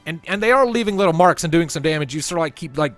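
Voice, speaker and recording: A man's voice: a little high, very fast. A man running a tabletop role-playing game as game master, chatty and full of fillers, with music behind. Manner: chatty, animated, filler-heavy.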